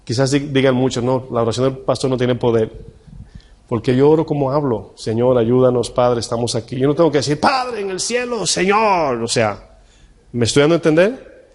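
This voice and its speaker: Pastor preaching in a reverberant church hall. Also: male voice, mid-range voice, darkish tone. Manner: conversational, asks the congregation rhetorical questions; slows right down when reading scripture. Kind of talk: sermon.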